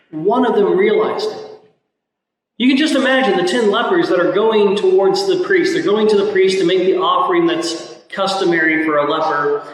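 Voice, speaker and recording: Guy priest giving a homily, highish voice, repeats stuff for emphasis, far off mic w big cathedral echo. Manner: deliberate, repeats key phrases for emphasis. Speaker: priest preaching. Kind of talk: Gospel reading and homily. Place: large reverberant church. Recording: cathedral-like echo, long reverb, distant mic.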